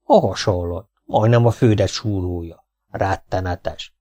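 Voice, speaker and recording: A man voicing a glum, stubborn old villager who mumbles slowly in a low, raspy voice. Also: mellow.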